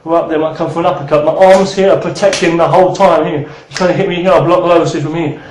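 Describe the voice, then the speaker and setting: A man's voice: a little high, steady tone, quick pace, darkish tone, echoey room, slight background noise, poor audio. A man in his thirties teaching martial arts in a rambling, casual way, swearing and then apologizing. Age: 30s.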